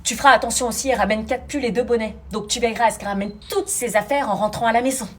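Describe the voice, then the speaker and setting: A young woman acting out comedy sketches in a quick, animated, dramatic way. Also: on the high side.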